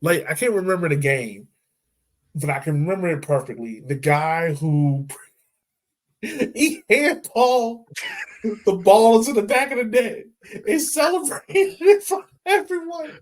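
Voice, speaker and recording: His voice sits high and sing-song, moving a little slowly. He's a sports podcast co-host chatting in a laid-back, loose way, with lots of "like" and "right?"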